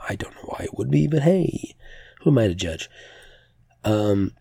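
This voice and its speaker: A male podcast host talks informally through news on his own in a deep, rough-edged voice. It sounds slightly strained and pressed, and he often hesitates and rephrases as he goes. The sound is dry, with no room around it. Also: big pitch swings, normal speed, warm tone, no room sound. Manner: hesitant, self-correcting, informal. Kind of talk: casual solo news commentary.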